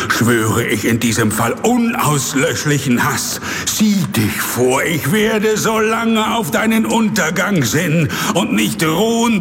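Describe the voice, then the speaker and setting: A man's voice: mid-range voice, fairly bright tone. A man playing a lonely, misshapen monster in an audio drama, brooding, bitter and anguished. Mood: vengeful. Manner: slow, brooding, swelling into anguished outbursts. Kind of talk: audio drama acting and narration.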